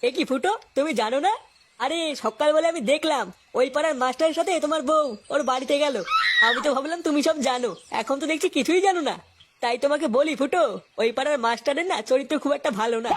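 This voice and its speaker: A woman's voice: high-pitched, fast talker, a little hiss or hum, lightly acted. A woman voicing a stammering gossipy village man. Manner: stammering when scared. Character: gossiping cowardly male village friend.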